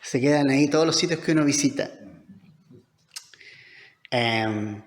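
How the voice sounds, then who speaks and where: A man's voice: mid-range voice, measured pace. A man preaching a sermon as pastor, conversational and emphatic, with frequent rhetorical questions to the congregation. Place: church hall. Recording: echoey hall reverb.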